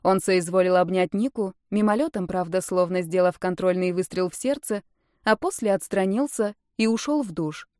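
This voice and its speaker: An audiobook narrator with a lowish voice reads a romance novel aloud as scripted narration. Her storytelling is even and measured, recorded dry with studio quality.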